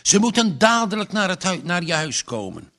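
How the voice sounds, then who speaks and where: A man voicing an urgent, gravelly village watchman. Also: high-pitched, big pitch swings, moderate pace, bright, forceful tone, voice pushed up, exaggerated voice. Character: determined grown man, a villager on night watch.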